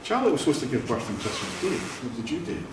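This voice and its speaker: Jovial Scottish celebrant in an echoey hall. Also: male voice, mid-range voice, sing-song, fast talker, noisy background. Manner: jovial, laughs often while telling stories. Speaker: wedding celebrant. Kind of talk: ceremony speech with anecdotes. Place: church hall. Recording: echoey room, mic at a distance.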